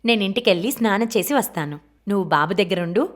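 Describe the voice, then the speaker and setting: A woman voicing a practical young mother who speaks briskly, in an audiobook. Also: mid-range voice, expressive, lightly acted.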